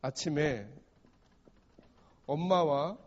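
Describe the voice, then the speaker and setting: A man's voice: fairly high pitch, extremely slow. A male pastor preaching a sermon, retelling a parable and often asking the congregation rhetorical questions. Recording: dull recording in a reverberant church hall.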